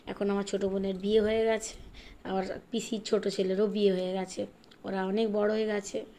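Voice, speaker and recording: A middle-aged woman from Bengal chatting in a rambling way while she bakes in her home kitchen, sometimes speaking softly. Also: mid-range voice, little pitch movement, fairly quick. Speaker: home cooking vlogger. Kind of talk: casual chat while baking. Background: fan hum and rain outside.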